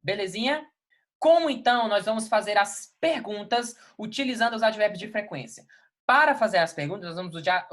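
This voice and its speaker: A man from Brazil teaching an English lesson. He explains patiently, reads example sentences slowly and repeats key words, checking in with his students. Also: high-pitched, fairly bright tone. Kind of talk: recorded classroom lesson.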